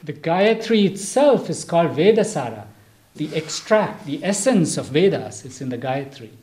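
Male speaker, slightly high voice, acts out a parable in a sermon. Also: big pitch swings, moderate pace, darkish tone. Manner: storytelling, acts out the characters. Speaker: spiritual speaker. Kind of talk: sermon with interpreter.

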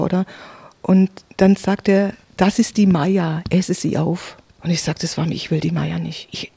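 A mellow, soft-edged voice tells of faith and inner experience in a calm, earnest way. The words come haltingly, with restarts and repeats. The recording is dry and close. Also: mid-range voice, dry recording. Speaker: interviewee sharing spiritual experiences. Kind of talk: reflective personal testimony.

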